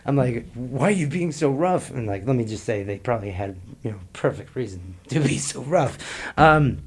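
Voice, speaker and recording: A man's voice: medium pitch, animated, moderate pace, husky. A middle-aged man, a guest on a podcast, telling a long story in a rambling, profane way and laughing between lines. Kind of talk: casual storytelling.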